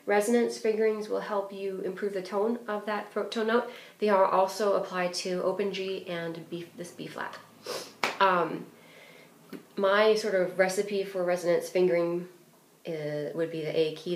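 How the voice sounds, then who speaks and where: A clarinet teacher gives a lesson in a steady, medium-pitched voice at a moderate pace, walking through phrasing and fingerings practically and using lots of fillers. The room adds a noticeable echo.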